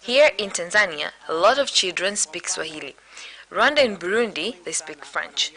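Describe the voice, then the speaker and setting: A woman with a bright, forceful voice that sits a little low, reading a translated news voice-over. Her delivery is measured and formal. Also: expressive, poor audio. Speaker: voice-over interpreter.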